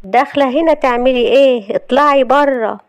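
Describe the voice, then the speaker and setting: A woman voicing a furious, heartbroken young wife in Egyptian Arabic, shouting sharp accusations. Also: high voice, fast, pitched above the performer's own voice, close to an everyday voice.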